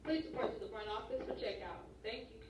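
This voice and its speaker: A woman making a school announcement over the intercom loudspeaker, repeating polite requests. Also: fairly high pitch, lively intonation, fast talker. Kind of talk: public address announcement. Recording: muffled distant loudspeaker in echoey noisy room.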